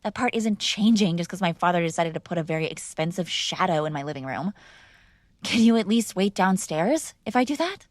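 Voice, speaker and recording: Close to the microphone, a woman with a lowish voice voices the spoiled, defiant daughter of a mob boss in an intimate ASMR girlfriend roleplay of one-sided dialogue. Her brisk, lively, lightly acted delivery is teasing, sarcastic, and conversational, indignant and challenging, with no room sound.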